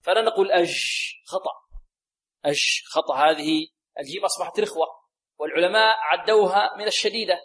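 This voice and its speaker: Guy teaching quran recitation, fairly high voice, keeps asking the class and repeating the answers. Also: husky. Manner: drills sounds aloud, asks the class questions and repeats answers; often repeats a set blessing phrase to the students. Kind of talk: tajweed lesson to students.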